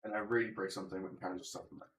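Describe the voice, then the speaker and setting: A man's voice: sits low, flat delivery, rapid-fire. A man live-streaming his coding session, thinking aloud in a self-deprecating way, his voice slightly worn, speaking into a desk microphone at his computer. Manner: self-deprecating, muttering to himself while working. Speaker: game developer streamer.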